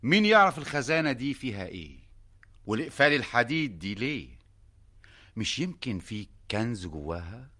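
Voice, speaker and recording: An animated, imperious Egyptian sultan. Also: male voice, medium pitch, a little fast. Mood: insistent, questioning. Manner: imperious, questioning. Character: headstrong, curious new sultan, demanding and impatient. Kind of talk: theatrical period radio drama acting.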